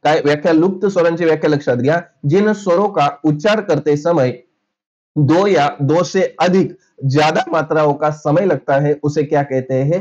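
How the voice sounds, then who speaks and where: A man with a fairly high voice leads a grammar lesson, giving definitions in one language and then the other. He asks the class question after question and answers each one himself. The sound is muffled and lo-fi. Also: normal speed, a little mellow. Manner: asks questions and answers them himself, repeating key terms; switches between Marathi and Hindi definitions. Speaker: grammar teacher. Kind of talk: classroom lecture.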